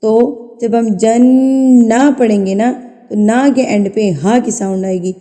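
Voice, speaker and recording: A woman with a very dark, mellow voice leads a tajweed lesson, patient and methodical. She asks questions and answers them herself, repeating each sound slowly to demonstrate it. The voice carries a long, lingering reverb. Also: fairly high pitch, steady tone. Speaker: Quran recitation teacher.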